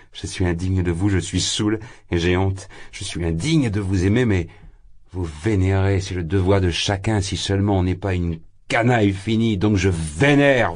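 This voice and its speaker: A man reading an audiobook voices a drunk, exalted young man who rants loudly, his voice leaping high and then sinking. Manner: loud, impassioned, rambling, swings high. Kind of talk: audiobook character voice.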